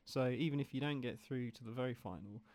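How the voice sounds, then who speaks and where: A man's voice: medium pitch, fast, darkish tone. A man guesting on a radio show as a band member, enthusiastic and often restarting his sentences. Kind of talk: casual radio interview. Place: radio studio.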